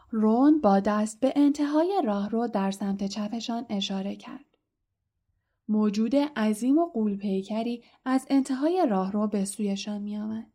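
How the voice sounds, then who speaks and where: Mellow woman reading an audiobook. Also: on the high side. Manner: expressive storytelling, dropping to a hush in tense moments. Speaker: audiobook reader. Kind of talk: audiobook narration.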